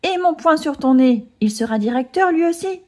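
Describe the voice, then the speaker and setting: A woman's voice: lowish voice, sing-song, a little fast, dark tone, breathy edge. A woman voicing a tough, hot-headed schoolboy who talks bluntly and aggressively.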